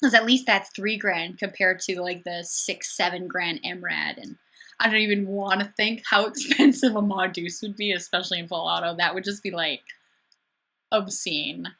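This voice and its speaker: A woman's voice: on the low side, moderate pace, vocal fry, sharp tone. A young woman from Wisconsin hosting a casual webcam livestream, chatty and upbeat, reading out viewer comments and answering them with sarcastic asides. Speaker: livestream host. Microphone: webcam mic.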